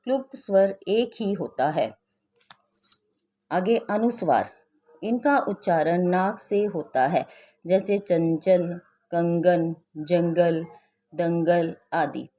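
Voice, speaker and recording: A woman teacher giving a recorded grammar lesson for children, slowly reading out example words one at a time. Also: on the low side, warm tone. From India. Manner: slow, deliberate, reads out example words one by one. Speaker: school teacher.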